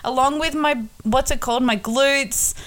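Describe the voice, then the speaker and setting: A woman's voice: high-pitched, normal speed, a bit bright. Young woman with a broad Australian accent. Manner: blunt, swears freely, slangy. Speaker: podcast host. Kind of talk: casual chat.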